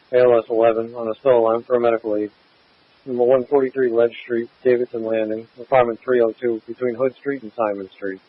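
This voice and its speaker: A fire alarm dispatcher with a husky, medium-pitched voice gives clipped, procedural read-backs and assignments. The audio comes over a tinny, phone-like radio channel.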